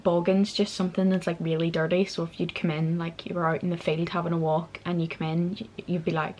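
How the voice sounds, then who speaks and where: A woman's voice: lowish voice, level tone, fairly quick, a little mellow. A young woman with a Northern Irish Belfast accent, chatting informally and a little giggly as she explains local words. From Northern Ireland. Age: young adult. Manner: giggly, informal, self-deprecating. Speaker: vlogger. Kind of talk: casual chat explaining local slang.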